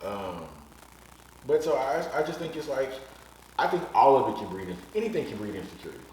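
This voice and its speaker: Speaking fairly fast with wide pitch swings, a thirty-something man on a podcast chats casually, blunt and frank, tossing in casual profanity. His medium-pitched voice sounds slightly mellow, captured from afar in an echoey space with faint noise.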